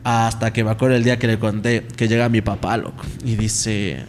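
Fast-talking young man telling a story. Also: on the low side, slight background noise. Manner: rambling, animated ghost story with mimicked voices. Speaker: podcast host. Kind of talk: casual storytelling chat.

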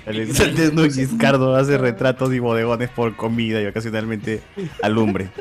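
A man's voice: medium pitch, steady tone, normal speed, over music. A man with a Peruvian accent hosting a casual group podcast chat, joking and teasing his friends. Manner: joking, teasing, loud outbursts.

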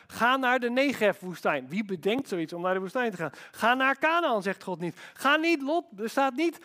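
A man preaching a sermon as pastor, emphatic and animated, with rhetorical questions. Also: very high voice.

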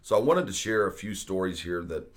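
With lively intonation and a slightly fast pace, a deep-voiced man in his 40s hosts a real estate talk show. His style is relaxed and conversational, peppered with fillers.

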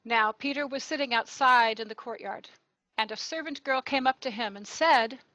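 Bright woman narrating scripture. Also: fairly high pitch, normal speed, dry recording, muffled recording. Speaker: narrator of the gospel reading. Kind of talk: liturgical scripture reading.

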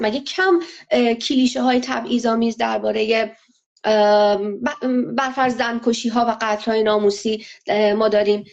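A woman answering interview questions in a measured, analytical way, pausing often with fillers. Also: medium pitch, vocal fry, a little mellow. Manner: measured, hesitant, many filler pauses. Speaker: interview guest. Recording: lo-fi muffled audio.

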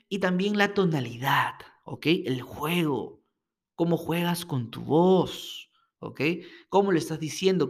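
A man teaching sales technique in a solo podcast, talking emphatically and checking in with the listener often. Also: high-pitched. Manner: animated, emphatic, checks in with frequent "ok?". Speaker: sales coach.

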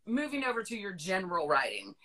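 A woman's voice: medium pitch, wildly swooping pitch, fairly quick, a bit bright, rough recording. A Southern woman from North Carolina hosting a podcast, asking questions in a chatty, rambling way. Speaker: podcast host. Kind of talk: casual interview chat.

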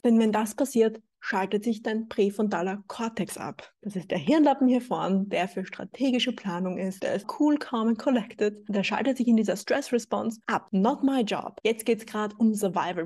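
Woman coach, mellow warm voice, chatty motivational talk right at you. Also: medium pitch. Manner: casual, addresses listener directly, mixes English phrases into German. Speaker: self-development coach. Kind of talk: motivational monologue to listeners.

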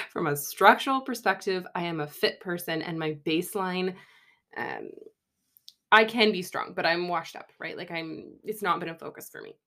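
Canadian woman in her 30s podcasting, kinda low voice, rambly and laughing at herself. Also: fairly bright tone. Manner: chatty, self-mocking, laughs mid-sentence. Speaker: podcast host. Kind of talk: casual storytelling monologue.

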